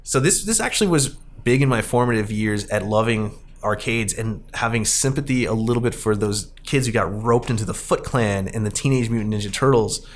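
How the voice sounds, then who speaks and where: A man with a lowish voice talks fairly quickly, with hardly any pauses, as he hosts a casual podcast discussion; he's the host and an arcade owner. He's enthusiastic and rambling, and background noise is clearly audible.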